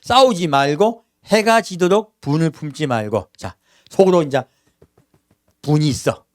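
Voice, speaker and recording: A man's voice: on the high side, animated, measured pace, dry recording, clean studio sound. A man preaching a sermon in a church, talking to the congregation conversationally with many rhetorical questions. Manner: acts out everyday quotes in character voices. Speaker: pastor.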